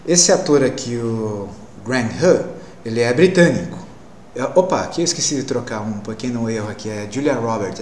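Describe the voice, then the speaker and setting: A man's voice: medium pitch, roomy sound, a little hiss or hum. A male English teacher giving a classroom lecture, explaining step by step and often checking in with tag questions.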